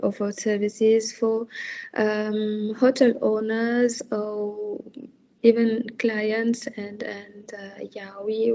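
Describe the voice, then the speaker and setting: A woman from Senegal, a hospitality consultant, talking slowly and hesitantly with many fillers and restarts as a guest on a video call interview. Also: medium pitch, gravelly, warm tone.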